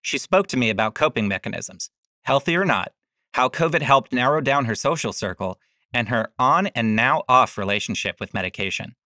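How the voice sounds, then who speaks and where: A man, the host of a podcast, reading a scripted narration in a measured way. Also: mid-range voice, lively intonation, bright, forceful tone, no room sound, clean studio sound.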